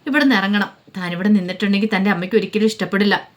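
A subdued young woman, hurt but steady, speaks softly in a told family story, as a woman storyteller puts her on. She stays low and calm, even when pushed. The voice is close to the storyteller's own. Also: very fast, lightly acted. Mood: troubled. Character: young woman daughter, quiet, hurt, resigned.

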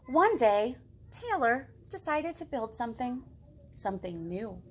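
A storytime host in her thirties, who works as a children's librarian, reads aloud from her living room and talks expressively and directly to little ones. Her voice is on the high side yet darkish, very animated but unhurried, and there's a little hiss or hum.

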